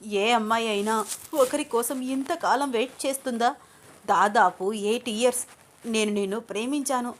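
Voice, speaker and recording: A woman voicing a shrill, obsessive young woman. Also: normal speed, lightly acted. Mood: unhinged. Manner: shrill, tearful, desperate begging. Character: obsessive jealous young woman, pleading and unhinged.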